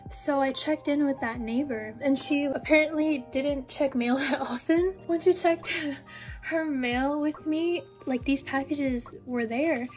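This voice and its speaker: A young woman vlogging a casual unboxing, often gasping and squealing with excitement. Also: high-pitched, measured pace, soft background music.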